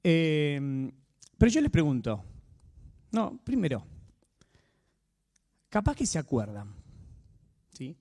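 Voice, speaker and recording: Male preacher, Rioplatense accent, lively pitch, keeps asking the congregation questions. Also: takes it slowly, long pauses. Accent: Rioplatense Spanish. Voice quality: animated, swinging pitch. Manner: conversational, asks the audience frequent tag questions. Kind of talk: sermon.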